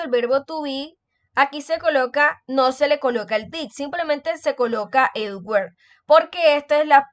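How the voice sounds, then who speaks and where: High-voiced woman teaching slowly. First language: Spanish. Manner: reads English examples slowly, then translates them. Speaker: English teacher. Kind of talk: slow explanatory grammar lesson.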